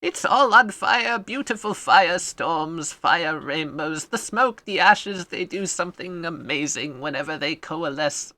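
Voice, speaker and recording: A woman's voice: fairly low pitch, expressive, measured pace, few pauses, sharp tone, no echo. A woman voicing a carefree, eccentric man who loves fire, rambling playfully in a tabletop role-play. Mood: breezy.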